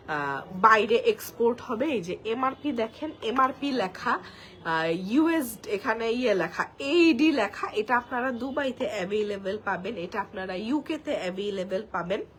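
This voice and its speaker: A woman with a Bangladeshi accent chatting through a live makeup demo, speaking softly because she has a cold and a sore throat. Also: on the high side, a little hiss or hum. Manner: talks softly while applying makeup, chatty. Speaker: makeup brand presenter. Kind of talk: live product demo chat.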